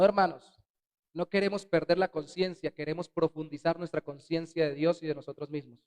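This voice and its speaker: A man preaching a sermon as pastor in a church, swinging between loud bursts and soft, dropped words. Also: fairly high pitch. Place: church sanctuary.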